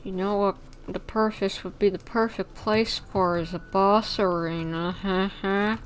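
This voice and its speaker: The woman game streamer chats playfully through her livestream, voicing the dialogue choices as she goes. Her medium-pitched voice holds a steady tone at a measured pace, on a rough recording with slight background noise.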